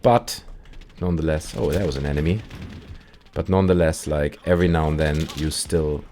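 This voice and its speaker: Low-voiced German man chatting casually. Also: fairly even intonation, moderate pace, dark tone, a little hiss or hum. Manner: rambling, breaks off mid-sentence to react to game events. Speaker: call-in show host. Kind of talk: casual chat while playing a video game.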